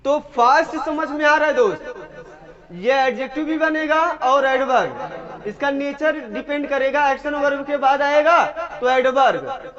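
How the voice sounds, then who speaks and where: A man's voice: very high-pitched, measured pace, a bit bright, muffled recording, some chatter behind. A male English grammar teacher, giving a classroom lesson and repeatedly quizzing his students. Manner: repeats questions to the class, coaxing.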